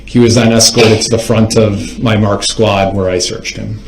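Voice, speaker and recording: An echoey courtroom carries the fairly low voice of a man on the witness stand. He is a police officer giving testimony in formal, procedural phrasing, measured and factual. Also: flat delivery, vocal fry. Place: indoors in a courtroom.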